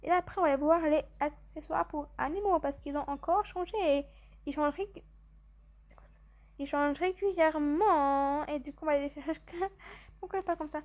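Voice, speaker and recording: A woman chatting through gameplay commentary, rambling and excitable, a little tired from just waking up. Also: sits high, fairly quick. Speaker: gaming channel host.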